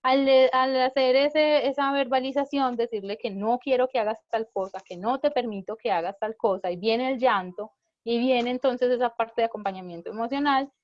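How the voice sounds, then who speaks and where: A woman with a fairly high voice leads a live parenting talk. She explains patiently and keeps checking in with her listeners. Her voice is close and dry, slightly dull in tone. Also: normal speed, dry recording. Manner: explanatory, checks in with frequent rhetorical "¿sí?". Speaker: parenting workshop speaker.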